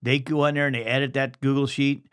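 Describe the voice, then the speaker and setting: A man's voice: medium pitch, level tone, fast, a bit bright, clear, resonant tone. Easygoing mid-voiced man, podcast guest. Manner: easygoing, leans on "you know" and "right?". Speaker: podcast guest, small business owner. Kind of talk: casual conversational explanation.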